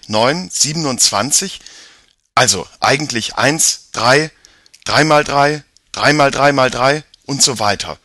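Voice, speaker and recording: A man's voice: mid-range voice, bright, forceful tone, dry recording, studio quality, voice pushed up. A man voicing Jakob, a curious, determined young boy who explains things and urges action. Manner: explaining, urging.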